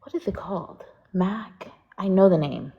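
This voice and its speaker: A woman's voice: mid-range voice, a little slow, husky. A young woman hosting a live stream, chatting casually and switching between French and English. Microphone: laptop or phone on a live stream. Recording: dull lo-fi stream audio.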